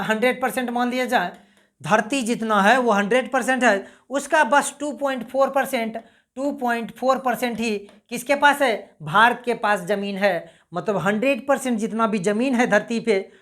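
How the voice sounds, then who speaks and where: A woman's voice: fairly high pitch, fairly bright tone. A woman teaching a geography lesson, repeating points and quizzing her listeners as she goes. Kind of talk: casual classroom-style lesson.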